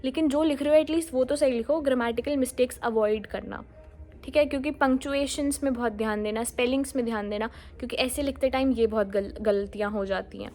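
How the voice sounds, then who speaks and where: A woman's voice: high-pitched, fast talker, a little mellow. A woman giving casual, friendly exam-prep advice straight to viewers, mixing English words into her talk. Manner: mixes Hindi with English words, friendly and direct.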